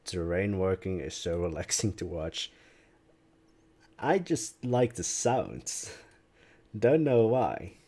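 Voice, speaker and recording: A young Dutch-speaking man builds on a live stream, speaking English at an unhurried, drawn-out pace. His voice is low and mellow, and he relaxedly muses aloud while answering chat questions as they come.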